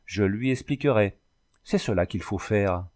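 A man's voice: fairly low pitch, a little slow, darkish tone, close to an everyday voice. A man reading the part of a guilty, worried middle-aged village notary in a storybook, muttering anxiously to himself.

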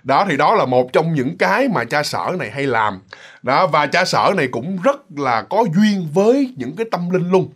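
A man's voice: a little high, very animated, moderate pace, a bit bright, husky. Man; casual, rambling ghost-story narrator. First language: Vietnamese. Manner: chatty, many fillers and restarts.

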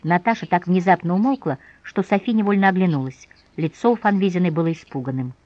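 Measured woman reading a novel. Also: fairly low pitch, darkish tone, lo-fi sound. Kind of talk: audiobook narration.

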